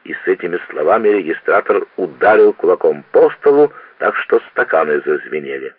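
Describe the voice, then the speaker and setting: Deep-voiced male narrator on old radio. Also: lively intonation, a little fast, breathy edge, dry recording, phone-quality sound. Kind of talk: dramatic audiobook reading.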